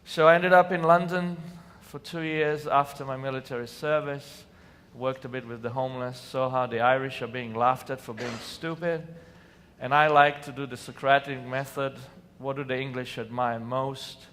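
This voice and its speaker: An Israeli conference speaker with an Israeli accent relates personal stories earnestly, his mid-range, fairly bright voice mostly even in intonation and moderate in pace, though he breaks into sudden emphatic bursts. He's on a lit stage in a large hall, heard through distant reverb and faint room noise.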